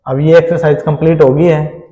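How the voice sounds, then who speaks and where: A man's voice: a little high, steady tone, a little fast, mellow, big-room sound, poor audio. A man with an Indian accent teaching a math lesson, explaining step by step and often checking in with his students.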